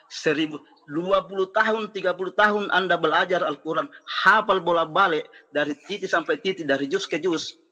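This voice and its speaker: A preacher man with a slightly high, very bright voice argues defensively and asks to be allowed to explain. His voice carries a long reverb. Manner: defensive, pleads for a chance to explain. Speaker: Islamic preacher. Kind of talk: heated debate.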